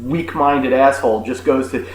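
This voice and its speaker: A man in his forties, co-hosting a comedic rant, sarcastic and crude, with many fillers and pauses. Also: a little high, lively intonation, a bit bright, reverberant, a little hiss or hum, rough recording. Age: 40s. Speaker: co-host.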